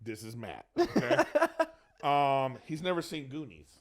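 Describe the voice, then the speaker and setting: Animated teasing man on a podcast. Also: medium pitch, moderate pace. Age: middle-aged. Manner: teasing, playful, mock-arguing. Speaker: podcast co-host. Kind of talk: casual chat.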